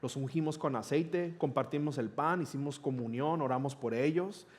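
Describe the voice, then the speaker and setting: Animated pastor telling a story. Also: male voice, mid-range voice, normal speed. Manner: conversational, animated retelling with quoted dialogue. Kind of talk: sermon storytelling.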